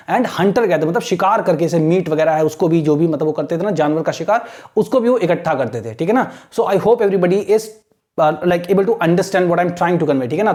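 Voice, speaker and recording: A man with an Indian accent teaching an exam-prep lesson, mixing Hindi and English, reading slowly and deliberately and repeating words for his students. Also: sits high, darkish tone. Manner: slow, deliberate reading aloud with repeated words and frequent "theek hai na".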